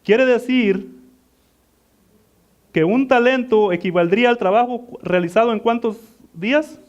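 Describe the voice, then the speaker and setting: A man preaching a sermon as pastor, asking his congregation questions and answering them himself, often addressing them as beloved. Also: very high voice. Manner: calls listeners "mis amados".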